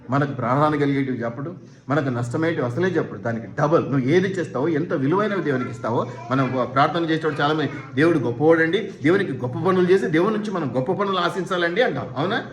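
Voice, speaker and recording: Pastor, male, fairly high voice, preaches with pointed rhetorical questions, echoey church hall. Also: fast talker, a little hiss or hum. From India. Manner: rhetorical questions, quotes imagined speakers. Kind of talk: sermon.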